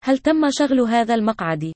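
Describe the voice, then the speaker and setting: Brisk, higher-pitched woman reading lesson sentences. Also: sing-song, a little mellow, no echo. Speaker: language-lesson narrator. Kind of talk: scripted example sentences for learners.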